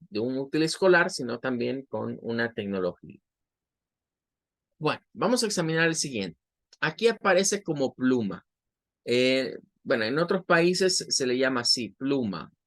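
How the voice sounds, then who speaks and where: A man's voice: a little high, fairly bright tone. A man with a Salvadoran Spanish accent teaching English vocabulary, patiently explaining pronunciation step by step and repeating sounds.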